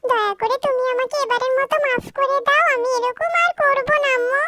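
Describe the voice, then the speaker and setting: A woman's voice: very high-pitched, steady tone, a little fast, noisy background. A woman voicing a naughty young boy in a cartoon who is cheeky and fond of chips, whining and pleading. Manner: pleading and whiny. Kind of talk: cartoon voice acting.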